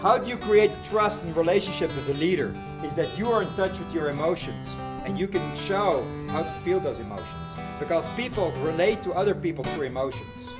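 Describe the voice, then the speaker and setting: A man's voice: fairly high pitch, animated, fairly quick, hardly any pauses, music in the background. A man lecturing in a classroom, explaining ideas and posing questions. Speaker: leadership educator. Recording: voice from a distance.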